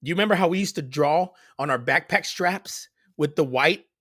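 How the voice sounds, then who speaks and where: A man's voice: fairly high pitch, moderate pace, pushed and bright. A man streamer from San Antonio, Texas, rambling through absurd jokes in casual live stream chat with a straight delivery.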